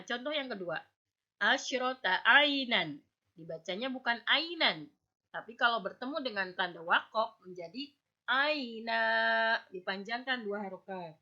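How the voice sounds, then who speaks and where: Female teacher, clear bright tone, slightly high, patient and deliberate. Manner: slow, patient explaining, drawing out example words; checks understanding with "ya" and "oke". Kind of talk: Quran recitation lesson for students. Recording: dull lo-fi recording.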